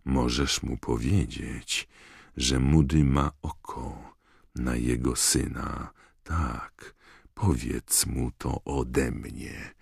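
A man voicing a gruff, grizzled old male wizard teacher who booms and growls. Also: big pitch swings, takes it slowly, no room sound, clean studio sound, heavily acted. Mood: low menacing. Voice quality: booming, growling.

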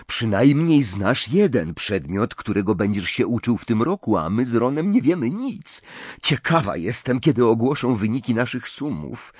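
A man voicing an anxious, bossy teenage schoolgirl witch who frets and flares up in high outbursts. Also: very animated, normal speed, darkish tone, husky, dry recording. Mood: curious. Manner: fretful, high-strung, shrill outbursts.

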